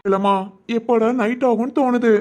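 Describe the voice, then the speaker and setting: In an animated village family tale, a woman plays a lovestruck, eager young man, her southern Tamil Nadu accent warm and affectionate. She chuckles often, pitched on the high side at a moderate pace, sounding close to her everyday voice.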